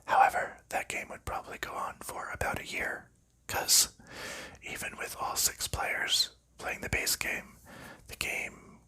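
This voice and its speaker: In a calm, slow ASMR video, a man unboxes a board game in a soft, unvoiced whisper, describing each piece as he goes.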